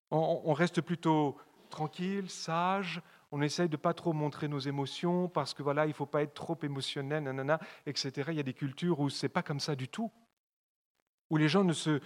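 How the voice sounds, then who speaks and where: A man with a Swiss French accent preaching a fervent sermon in church, repeating phrases and swinging from loud appeals to soft, low asides. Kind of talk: evangelistic sermon. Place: church hall. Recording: long hall reverb.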